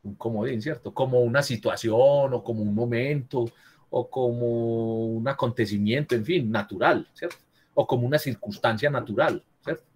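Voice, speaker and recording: With a medium-pitched voice that is a little mellow and husky, a man leads a virtual writing lesson at a moderate pace. He corrects students over the video call and keeps checking in by asking "¿cierto?".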